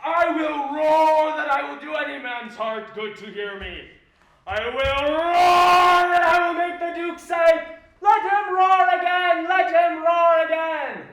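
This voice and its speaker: A man's voice: very high voice, steady tone, unhurried, vocal fry, background noise, full character voice. A man playing a boastful, hammy weaver who wants every part in the play, in a grandiose, showy manner. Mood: eager. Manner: grandiose and showy, loves to declaim. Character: boastful hammy male weaver actor, Bottom. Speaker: amateur actor in a play reading. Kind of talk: Shakespeare scene performance. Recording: very echoey room, voice heard from a distance.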